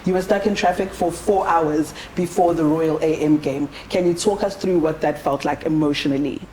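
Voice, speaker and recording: A woman's voice: low voice, normal speed, mellow, slight background noise. A South African woman co-hosting a podcast conversation, guiding it in an upbeat way. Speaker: podcast co-host.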